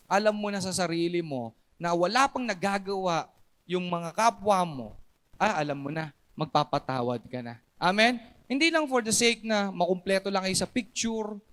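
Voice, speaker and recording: A young Filipino man preaching a lively sermon as pastor in a church service, mixing in English phrases and calling out to the congregation. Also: sits high. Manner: animated, mixes English phrases, asks the congregation "di ba?" and "Amen?".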